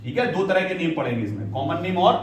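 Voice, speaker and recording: A man's voice: on the high side, animated, fast talker. A male chemistry teacher giving a classroom lecture, repeating key terms and often checking that his students understand. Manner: addresses students fondly as "beta". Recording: echoey room, voice from a distance.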